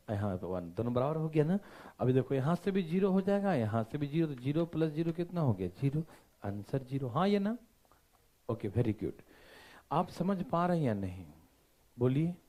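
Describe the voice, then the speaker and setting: A man teaching math in a lively, swooping voice, with fairly high pitch. He keeps asking his listeners whether they follow and slips in playful jokes. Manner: animated, constantly checking understanding with listeners; playful, joking asides. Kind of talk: classroom lecture.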